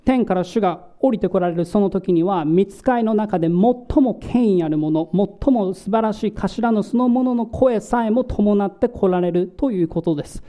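A man with a high voice delivers a sermon. His tone is deeply mellow and dark rather than bright. He walks his listeners through scripture, pausing to ask the congregation questions. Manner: asks the congregation questions and explains scripture slowly. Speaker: pastor.

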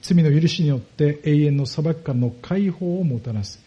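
A pastor preaching a sermon, explaining step by step and putting rhetorical questions to the congregation. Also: male voice, on the high side, normal speed, dark tone, dull audio.

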